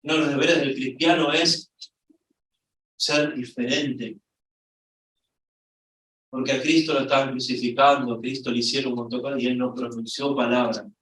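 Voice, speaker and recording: A middle-aged man with an Argentine accent preaching a sermon, telling a story with lively rises in his voice. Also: medium pitch, moderate pace, long pauses. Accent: Argentine Spanish. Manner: storytelling, lively, voice rising when excited. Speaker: pastor. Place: church hall. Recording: echoey church from far off.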